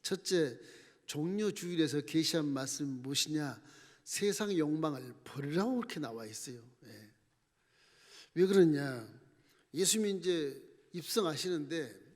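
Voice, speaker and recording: A middle-aged male pastor preaching a Sunday sermon, swinging between loud emphatic lines and low, near-whispered asides. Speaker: senior pastor. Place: church sanctuary. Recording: church hall with long reverb.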